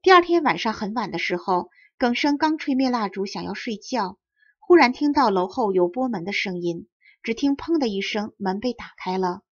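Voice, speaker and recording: A woman narrating a storybook audiobook in a steady, measured reading, in a dull lo-fi recording. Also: mid-range voice, husky.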